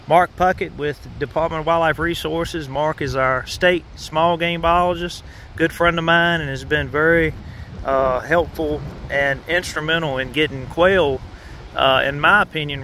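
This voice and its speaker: Relaxed, bright-voiced man outdoors. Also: fairly high pitch, slight background noise. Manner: relaxed, rambling with fillers. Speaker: interviewer and narrator. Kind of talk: casual outdoor walkthrough. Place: outdoors in pine woods.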